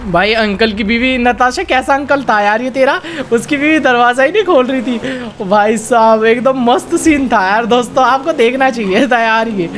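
A man's voice: very high voice, normal speed, hardly any pauses, a bit bright, a little hiss or hum. Chatty man doing gameplay commentary. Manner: chatty, constantly addressing viewers as friends and brothers; playfully narrates his in-game character's romance. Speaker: gaming channel host.

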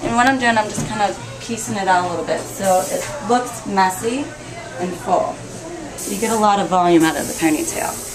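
A woman's voice: medium pitch, moderate pace, over music, poor audio. Young woman stylist talking through a hairdo. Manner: casual, step-by-step, talking while working on her own hair. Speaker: hair stylist. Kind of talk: hairstyling tutorial. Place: indoor hair salon.

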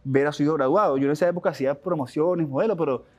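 A Venezuelan man in his young adult years tells his story at a rapid clip, his voice sitting fairly high. He restarts sentences, drops slang and talks with animated feeling as an interview guest. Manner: animated, fast-talking, with frequent restarts and slang.

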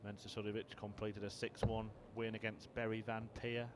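A man giving measured, understated and informative sports commentary on a darts match. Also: on the low side, little pitch movement, noisy background.

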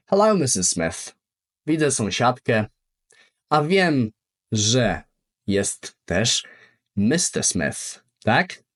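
Slow, animated male language teacher. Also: medium pitch. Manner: repeats each word slowly for practice, very lively intonation. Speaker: English teacher. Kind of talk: beginner language lesson.

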